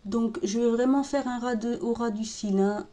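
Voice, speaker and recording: A woman narrating a makeup tutorial in a calm, step-by-step way while she works. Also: fairly high pitch, moderate pace. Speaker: makeup vlogger. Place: home room with birdsong outside.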